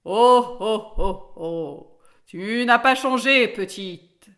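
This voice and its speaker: A woman voicing a kindly old talking oak tree that speaks slowly and gently. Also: medium pitch. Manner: slow, gentle.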